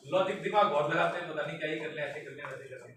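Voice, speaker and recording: A man's voice: on the high side, very fast, a loud crowd. A man leading a live memory workshop, quizzing and addressing his audience as he explains the brain. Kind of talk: live classroom talk. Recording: distant voice in echoey hall with noise.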